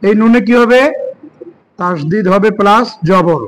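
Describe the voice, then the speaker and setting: A man teaching Quran reading, spelling out letters and vowel marks slowly and asking the learner rhetorical questions. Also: sits high, rough recording. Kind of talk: step-by-step reading lesson.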